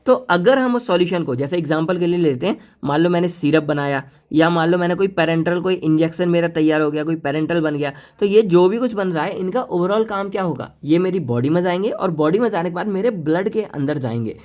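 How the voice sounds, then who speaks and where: Chatty अंदाज़ में पढ़ाते हुए पुरुष शिक्षक. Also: male voice, sits high, fairly quick, few pauses, a little mellow. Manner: chatty teacher mixing Hindi and English terms; addresses students directly and playfully. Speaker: pharmacy lecturer. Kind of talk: casual classroom lecture.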